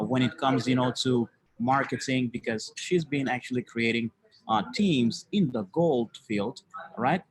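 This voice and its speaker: A mid-pitched man from Haiti presents a live online webinar. He talks in a loose, chatty way, padding his lines with fillers. The sound comes through a computer mic. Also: poor audio. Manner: loose and chatty, many fillers like "you know".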